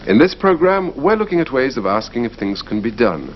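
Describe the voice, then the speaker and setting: A man's voice: mid-range voice, brisk. A man presenting a language course in scripted, explanatory narration. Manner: clear, explanatory, lively delivery. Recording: slightly muffled broadcast audio, faint hiss.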